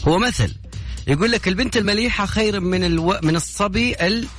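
A man hosting a radio call-in quiz, teasing callers in a rapid, playful way. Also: sits high, a bit bright. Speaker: radio quiz show host. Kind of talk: lively call-in radio banter. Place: radio studio. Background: background music bed.

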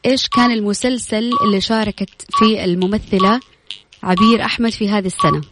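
A woman's voice: medium pitch, steady tone, fast, very noisy. A woman with a Hijazi Saudi accent, presenting a live radio quiz in a chatty, informal way, talking straight to her listeners. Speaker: radio quiz show host. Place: radio studio. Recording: music running behind the voice. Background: music.

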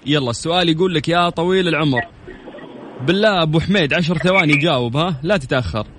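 A man's voice: fairly high pitch, quick pace, a bit bright, a little hiss or hum. A man with a Saudi accent hosting a radio call-in quiz, teasing callers and laughing often. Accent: Saudi Arabian.

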